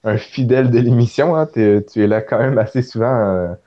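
A man from Canada, hosting a casual podcast interview and thinking aloud with many pauses. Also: medium pitch, muffled recording. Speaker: podcast host.

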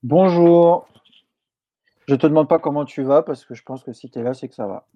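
A man's voice: on the high side, normal speed, no echo, highs cut off. A man co-hosting a casual football show, teasing the host.

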